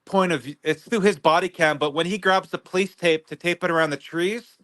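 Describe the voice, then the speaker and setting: Guy guesting on a livestream, kinda high voice, rambles, lots of restarts. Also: fairly even intonation, fairly bright tone. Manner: rambling, halting, many restarts. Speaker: guest neighbor. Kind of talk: casual livestream interview.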